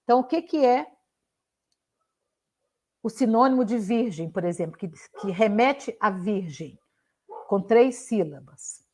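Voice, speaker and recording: A woman's voice: mid-range voice, animated, measured pace, long pauses, a little mellow. An older woman, a professor giving a playful live online talk, reciting riddles and tongue twisters with frequent restarts over a video call microphone. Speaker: guest speaker, professor.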